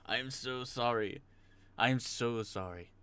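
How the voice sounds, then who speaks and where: A man's voice: medium pitch, a little slow, fairly bright tone, clear, resonant tone, no room sound. A young man hosting a late-night live stream, chatting casually, rambling, greeting his chat by name and laughing often.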